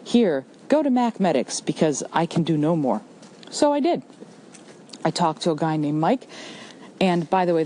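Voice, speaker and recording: Middle-aged female podcast host, mellow and warm-toned, emphatic conversational storyteller, recorded outdoors with faint traffic noise. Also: on the low side, low-quality recording. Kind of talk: conversational solo podcast monologue. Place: outdoors with passing cars and machinery.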